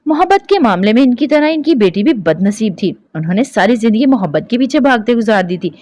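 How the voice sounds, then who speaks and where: Woman reading a romance novel out loud, lively pitch, dry close sound. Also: no echo. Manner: expressive, emotive reading. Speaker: novel narrator. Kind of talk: audiobook narration of a romance novel.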